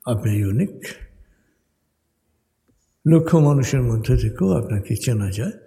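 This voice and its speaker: A man leading a guided meditation in slow, soothing, measured instructions with pauses. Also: medium pitch, big pitch swings, mellow. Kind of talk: guided meditation, hypnotic countdown. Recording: long hall reverb over music. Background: music.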